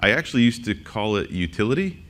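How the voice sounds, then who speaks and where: Jokey male workshop presenter, low voice. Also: big pitch swings, fairly bright tone. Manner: jokey, quizzes the audience with quick questions. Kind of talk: interactive conference talk. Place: conference session room.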